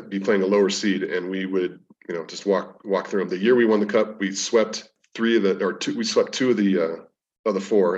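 A man with a lowish voice tells casual stories as a podcast guest, circling back and restarting as he goes. The recording sounds dull and lo-fi, as if he were sitting back from the mic. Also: far from the mic. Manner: rambling, anecdotal, frequent restarts. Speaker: podcast guest, strength coach. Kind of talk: casual storytelling interview.

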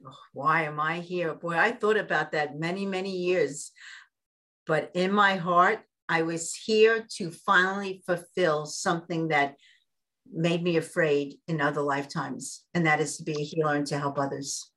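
A woman's voice: low-pitched, fairly even intonation, normal speed, fairly bright tone. A woman in her seventies, hosting a show and speaking earnestly about her own life in a casual chat. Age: 70s. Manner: earnest, reflective, laughs easily.

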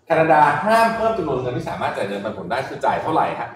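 A man hosting a talk show talks quickly and animatedly, his pitch rising and falling as he explains. He sits back from the mic in a strongly echoing room. A faint hum of ambience runs underneath. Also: recorded from a distance. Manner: lively, animated explaining with laughs. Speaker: host. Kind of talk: casual talk-show commentary.

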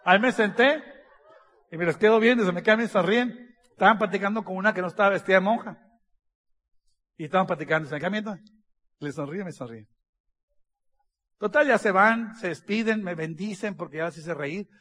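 A man with a high voice speaks to an audience as a business speaker. He tells anecdotes with lively humor. He acts out the exchanges and laughs along. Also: fairly quick, pauses often.

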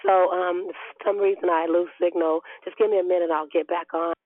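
Hoarse, raspy woman on a phone line. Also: fairly low pitch, fairly even intonation, brisk, dry recording. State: hoarse, unwell. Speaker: prayer call speaker. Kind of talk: devotional talk and prayer on a group call. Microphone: phone call. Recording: tinny narrow phone line.

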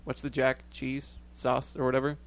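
A man's voice: medium pitch, monotone, moderate pace. A man in casual chat, joking and rambling with frequent laughter, wearing headphones.

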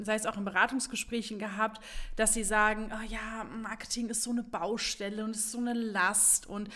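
A woman co-hosting a podcast, eagerly agreeing and backing up points firmly in a casual chat. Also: medium pitch. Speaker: podcast co-host.

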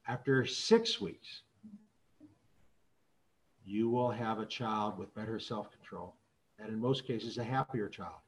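A middle-aged man, a physician, telling stories in a public talk in an earnest, measured way. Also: lowish voice, poor audio. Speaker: physician and speaker.

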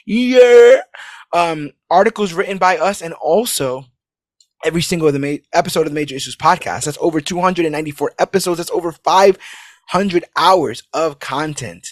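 This podcast host has a fairly high-pitched voice and speaks at a normal speed, with no room sound in the recording. He casually rambles through a cheerful outro, hyping things up, dropping plugs and urging people to support the show.

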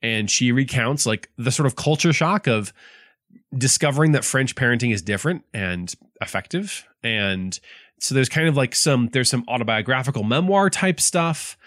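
A man co-hosting a casual chat, explaining a book in an animated way with many fillers and restarts. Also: mid-range voice, moderate pace, no echo, clean studio sound. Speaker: podcast co-host presenting a book.

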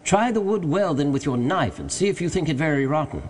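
Imperious, excitable gentleman acted by a man, raised pitch. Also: a little fast, a little hiss or hum, lightly acted. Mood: urgent. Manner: imperious, urgent, exclamatory. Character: excitable, domineering gentleman treasure hunter shouting orders. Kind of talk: dramatized audiobook character.

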